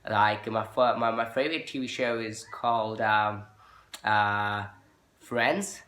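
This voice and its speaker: In a slow, steady, fairly low but bright voice, a man who speaks English as a second language teaches an informal spoken lesson. He explains and repeats his points, often adding check-in tags, and the sound is echoey and roomy.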